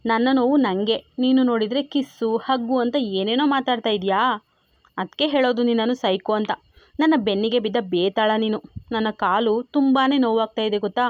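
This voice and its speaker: A wilful young wife who scolds her husband with a sharp tongue, voiced by a woman narrator in a read-aloud love story. The voice is fairly high and sounds close and dry. The recording is slightly dull. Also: fairly quick, no room sound, lightly acted. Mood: scolding. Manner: scolding, stubborn.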